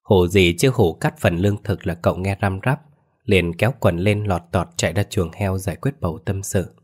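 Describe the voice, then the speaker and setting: A man narrating a ghost story in a folksy, lively storytelling manner. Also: low voice, moderate pace, breathy edge.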